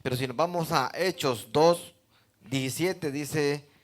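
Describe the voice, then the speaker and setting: A man's voice: a little high, takes it slowly. A man in the congregation asking a question and reading a passage aloud a bit hesitantly. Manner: reads scripture aloud hesitantly.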